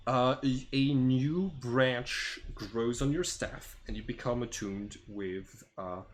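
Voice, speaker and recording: Slow-paced, halting man running a fantasy game. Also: medium pitch. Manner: halting, searching for words. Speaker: game master. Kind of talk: improvised narration of a tabletop fantasy game.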